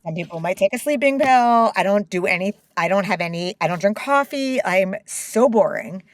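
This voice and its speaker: With an expressive, medium-pitched voice and no room sound, this middle-aged woman talks candidly as an interview guest. A company co-founder, she speaks with feeling and keeps stopping and restarting her sentences.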